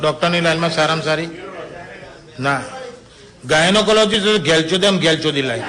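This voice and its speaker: Man telling raunchy jokes to friends, higher-pitched, lowers his voice to play the characters. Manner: lively storyteller, drops to a low voice for dialogue, laughs at own punchlines. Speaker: joke teller. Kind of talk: telling adult jokes to a small group.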